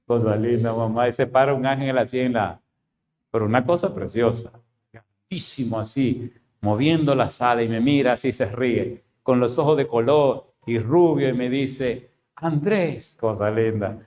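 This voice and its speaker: Preaching to his congregation, a male pastor fires off rhetorical question after rhetorical question. His sermon alternates between loud, high-pitched outbursts and slow, low-pitched statements.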